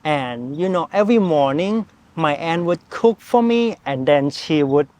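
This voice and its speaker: Male gardening host, slightly high voice, relaxed and chatty, talks straight to camera. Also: unhurried. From Thailand. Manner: chatty, relaxed, speaks to viewer directly. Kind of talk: casual how-to gardening vlog. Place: outdoors in a home garden.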